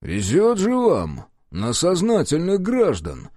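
A man reading an audiobook, voicing a blunt middle-aged police chief who shouts and mocks with gruff scorn. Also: mid-range voice, sing-song, a little slow, no room sound, clean studio sound. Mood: mocking. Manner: gruff, scathing, shouting in anger.

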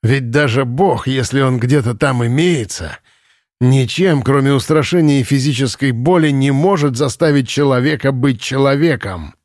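A drunken male camp commandant in an audiobook, bellowing and ranting in a raised, strained voice, as a male reader acts him out. He bullies and raves in furious outbursts that swing up high. The sound is dry and close. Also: big pitch swings, very slow, vocal fry, no echo, full character voice. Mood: grandiose. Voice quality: shrill, furious shouting. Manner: ranting, unhinged, bullying. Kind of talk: audiobook character reading.

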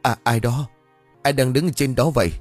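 A man voicing a frantic, grieving older mother who cries out in shrill panic, with gentle music behind. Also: fairly even intonation, normal speed, husky, lightly acted. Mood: frantic wailing.

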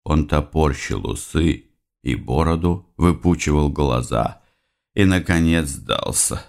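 Casting: deep-voiced male reader, wry and commanding first-person narration. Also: animated, slow pace, vocal fry. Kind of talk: audiobook reading.

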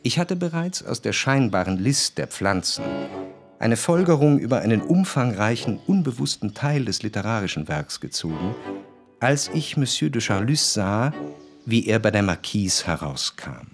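In a radio play, a man voices a refined, observant first-person narrator, reciting literary prose with measured, deliberate phrasing. His voice is on the low side and sing-song, with music in the background, and the mood is reflective and intent.

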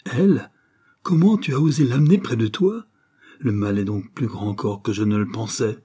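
Stern older matriarch, read by a man: deep, husky, imperious, dark-toned. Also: level tone, fairly quick. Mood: commanding. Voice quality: deep, hoarse voice. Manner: commanding, imperious.

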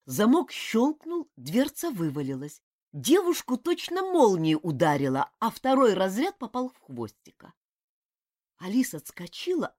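A woman narrating a fantasy audiobook in an expressive, animated reading. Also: a little high. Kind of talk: scripted narration of a fantasy novel.

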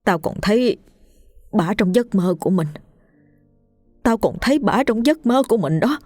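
A woman's voice: mid-range voice, lively intonation, normal speed, darkish tone, no room sound, faint music behind, pitched above the performer's own voice, natural voice. A woman voicing a frightened young office manager who stammers and trembles with guilt. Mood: panicked guilt.

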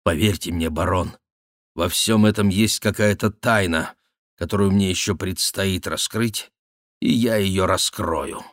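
A proud, passionate young nobleman, voiced by a male reader speaks with force and emphasis. The voice is somewhat low and recorded close and dry. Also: a little slow, dry recording. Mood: earnest, firm.

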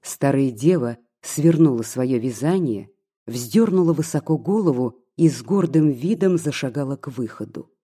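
A reader narrating a classic novel in a measured, steady way. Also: medium pitch, breathy edge. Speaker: audiobook reader. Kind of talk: literary audiobook narration.

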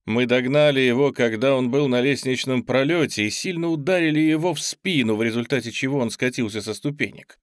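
A man's voice: medium pitch, fairly quick, few pauses, dry recording. Man reading an audiobook in a dry room. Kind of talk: audiobook narration.

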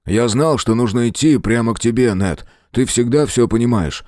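A man's voice: mid-range voice, moderate pace, dark tone, dry recording, clean studio sound, pitched above the performer's own voice, natural voice. A man voicing a blunt, loyal soldier brother who talks earnestly in an audiobook.

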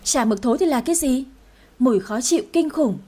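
A woman's voice: high voice, expressive, brisk, dark tone. A woman voicing a rude, spiteful young sister-in-law who insults and sneers. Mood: sneering.

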